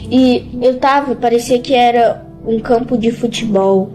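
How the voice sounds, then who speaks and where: High-voiced woman recounting a vision. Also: a little mellow, soft background music. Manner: halting, repeats words, gestures while describing. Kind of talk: emotional personal testimony.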